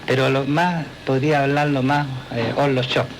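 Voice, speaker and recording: A man co-hosting a radio talk show, speaking in a hesitant, halting way. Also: mid-range voice, fairly even intonation, slight background noise, rough recording.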